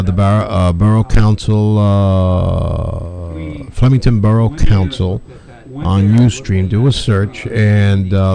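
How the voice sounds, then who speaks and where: A man hosts an informal local vlog in a slightly low, creaky voice. His tone is relaxed and dark, and he rambles haltingly without a script. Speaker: host of a local civic video show. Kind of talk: informal unscripted vlog commentary.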